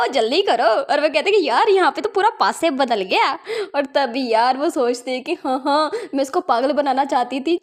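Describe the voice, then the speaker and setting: A high-pitched woman tells a comic's story in a loose, chatty way. She keeps talking straight to her listeners like friends. She slips into the characters' lines with small shifts of her own voice. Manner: chatty, keeps calling listeners yaar and bhai. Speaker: manhwa recap narrator. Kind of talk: casual story recap narration.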